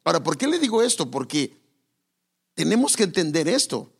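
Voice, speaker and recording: A man's voice: on the high side, big pitch swings, normal speed, creaky, slightly rough. A male pastor giving a sermon in a conversational way, speaking straight to his listeners and correcting himself as he goes. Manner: conversational, self-correcting, addresses listeners directly. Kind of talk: sermon on marriage.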